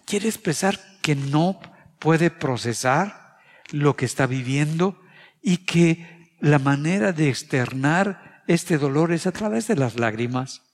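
A man's voice: fairly high pitch, lively intonation, slow. A middle-aged Mexican man preaching a sermon, earnest and confessional, sharing personal stories. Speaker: pastor. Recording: reverberant hall sound.

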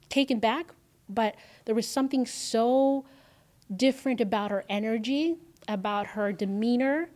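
A woman, a podcast guest, telling an emotional personal story, swinging from hushed moments to loud exclamations. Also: medium pitch.

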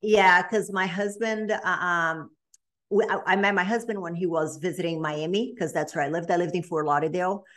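Speaking at a normal speed in a lowish, steady, slightly bright voice, this Brazilian-accented woman in her late thirties shares her story as a podcast guest. The interview is casual, and her talk is chatty, full of ums and restarts.

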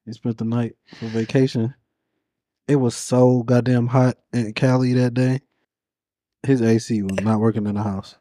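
A man in his twenties telling family stories on a podcast in a casual, animated way, swearing casually. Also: mid-range voice, normal speed, dry recording, studio quality. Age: 20s. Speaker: podcast co-host.

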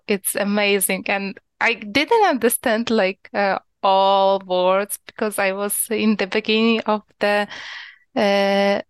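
A woman's voice: medium pitch, clean tone, no echo. A young woman from Ukraine with a Ukrainian accent, a guest on an interview who speaks English hesitantly, searching for words with many fillers. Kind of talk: conversational interview.

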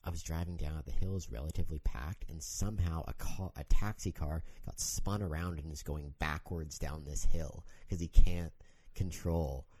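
A man's voice: very deep voice, fairly even intonation, normal speed, few pauses, mellow, husky, no room sound. A man in casual chat, laid-back, swearing and laughing along.

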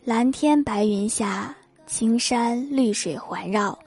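Comic sketch: woman playing a man aping a hushed, drawling therapist. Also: a little high, breathy edge, full character voice. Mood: soothing. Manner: slow, soft, hypnotic. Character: man mimicking a soothing therapist.

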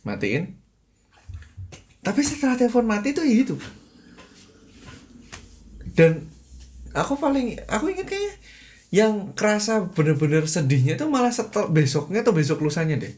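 A man's voice: sits high, big pitch swings, moderate pace, long pauses, darkish tone. Give me a young man in casual chat, rambling with lots of fillers and chuckles. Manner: rambling, heavy use of fillers, chuckles often.

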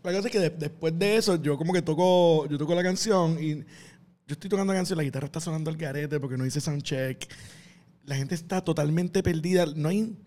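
A man with a Puerto Rican accent, a stand-up comedian telling an animated, laughing story in casual chat. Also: fairly high pitch, a little fast. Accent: Puerto Rican Spanish. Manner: animated, laughing storyteller with lively voiced asides.

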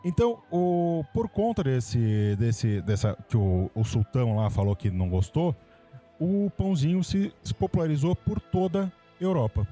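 A man's voice: fairly high pitch, moderate pace, faint music behind. A man from São Paulo with a São Paulo accent, co-hosting a casual chat and telling history trivia playfully. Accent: Brazilian Portuguese, São Paulo. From São Paulo, Brazil. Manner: playful, animated storytelling. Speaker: podcast co-host.

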